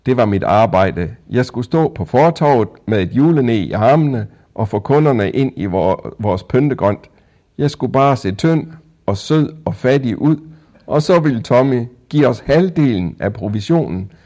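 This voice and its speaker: A man reading a first-person children's story aloud in a calm, even storytelling manner. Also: medium pitch. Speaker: audiobook narrator.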